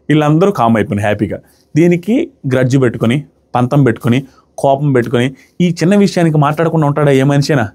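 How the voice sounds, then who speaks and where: Fast, high-voiced man. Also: a little mellow. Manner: sarcastic, acts out what people said. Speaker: show reviewer. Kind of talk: casual commentary review.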